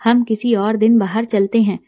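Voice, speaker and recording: A woman's voice: fairly high pitch, fairly even intonation, normal speed, dark tone, no room sound, lightly acted. Woman reading as a busy, offhand husband. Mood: matter-of-fact. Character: busy, dismissive middle-aged husband.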